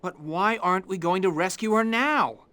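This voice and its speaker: A man's voice: high voice, moderate pace, pushed and bright, slight background noise. An actor playing an earnest, anxious young man, hesitant and pleading, in a dramatic game cutscene. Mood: worried. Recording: close dry voice, faint music.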